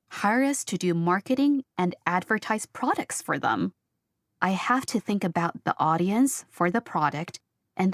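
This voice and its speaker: A woman speaking as a graphic designer in a scripted textbook interview, explaining her work clearly. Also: on the low side, no echo, studio quality.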